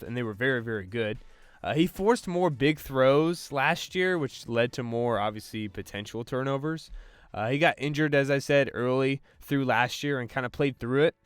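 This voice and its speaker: A man's voice: medium pitch, fairly bright tone, smooth, no room sound. A man hosting a sports podcast, breaking down draft prospects in a loose, casual way with lots of fillers and restarts. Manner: loose, filler-heavy delivery with frequent restarts.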